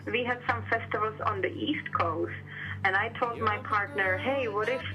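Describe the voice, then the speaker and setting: A woman's voice: medium pitch, moderate pace. A woman from the Republic, a filmmaker talking casually in a documentary interview, with lots of fillers. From Czech Republic. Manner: casual, hedging with filler words. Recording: dull sound with faint music.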